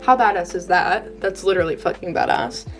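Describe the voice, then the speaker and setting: A young American woman vlogs in an animated, slightly fast, lowish voice, gushing in valley girl fashion and dropping "like" and "totally cute" again and again. Music plays in the background of the casual chat.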